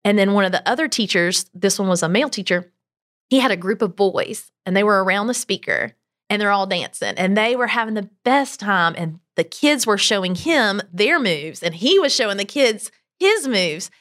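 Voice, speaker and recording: A woman talking as a podcast guest, telling stories in an informal, animated and emphatic way. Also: medium pitch, moderate pace. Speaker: podcast guest, travel business owner. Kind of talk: conversational interview storytelling.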